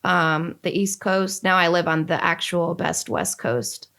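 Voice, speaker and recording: A young woman from the Northeastern United States, chatting as a podcast guest, candid and lively with lots of fillers. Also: lowish voice, a little slow, gravelly. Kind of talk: casual conversation.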